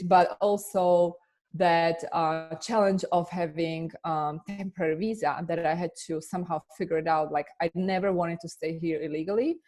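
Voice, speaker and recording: Slovak-accented woman, lowish voice. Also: dark tone. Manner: earnest, with frequent fillers and restarts. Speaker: immigration attorney and business coach. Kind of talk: interview answers.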